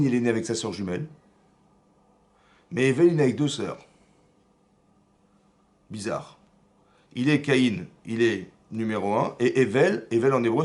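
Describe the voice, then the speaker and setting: A man, a rabbi, teaching a lively Torah class in a synagogue, telling the story with energy and often checking in with his listeners. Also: medium pitch. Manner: animated storyteller who keeps checking in with the audience; acts out dialogue between biblical figures.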